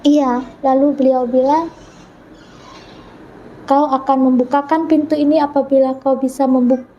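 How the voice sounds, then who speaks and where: A woman's voice: high-pitched, little pitch movement, measured pace, dark tone, lo-fi sound, slight background noise. A woman from North Sulawesi telling her personal story as a guest, earnestly acting out remembered dialogue. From North Sulawesi, Indonesia. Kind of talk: personal testimony in an interview.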